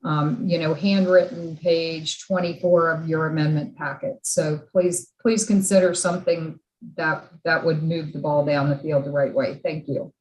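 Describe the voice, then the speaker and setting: Legislator: American woman, slightly low voice, polite appeals in unscripted committee remarks. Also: fairly even intonation, unhurried, a little mellow, low-quality recording. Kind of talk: extemporaneous committee request.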